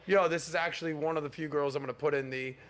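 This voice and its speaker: A man's voice: fairly high pitch, fairly even intonation, quick pace, fairly bright tone. Laid-back man in his forties. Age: 40s. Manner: laid-back, confident, talks in slang. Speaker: podcast panel guest. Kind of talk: casual panel debate.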